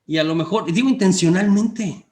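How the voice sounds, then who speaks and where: A man's voice: high-pitched, moderate pace, warm tone. A man giving a faith-based teaching talk, telling a personal story in a conversational way, often adding tag questions and repeating phrases as he recalls details. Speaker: speaker teaching on family and faith.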